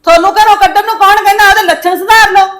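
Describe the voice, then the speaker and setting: A woman playing a sharp-tongued visiting mother who scolds and taunts her daughter's in-laws in a family drama. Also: extremely high pitch, steady tone, racing. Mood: scolding.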